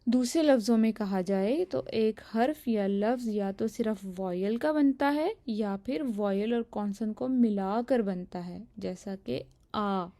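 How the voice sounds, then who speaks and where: A woman's voice: fairly high pitch, a little slow, hardly any pauses, dark tone. A woman teaching a language lesson, explaining pronunciation patiently and step by step.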